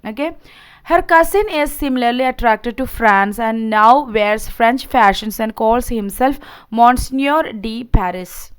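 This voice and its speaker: A woman's voice: on the high side, unhurried, smooth. A woman giving an informal explanatory lecture, repeating and rephrasing her points as she goes. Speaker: literature lecturer. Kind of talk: informal lecture summarizing a play.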